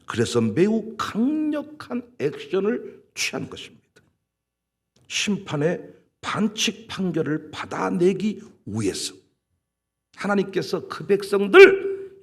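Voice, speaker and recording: A male senior pastor preaching a sermon in an animated, emphatic way, acting out scenes as he goes. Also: high voice, slightly rough. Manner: animated, emphatic, dramatizes with quoted voices.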